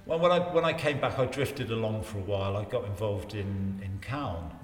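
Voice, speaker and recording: A lowish-voiced man in his 60s from Wiltshire, England, reminisces about his life as a local politics interview guest. He rambles and halts, repeating his phrases, and the recording has a roomy reverberation and faint background noise.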